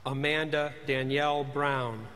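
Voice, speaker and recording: A man formally announcing graduates at a commencement, speaking at a podium microphone and reading names in a measured, deliberate way. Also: mid-range voice, steady tone, fairly bright tone, slight background noise. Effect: speaking into a podium microphone in a large hall. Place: large ceremony hall. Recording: reverberant hall, faint ambience.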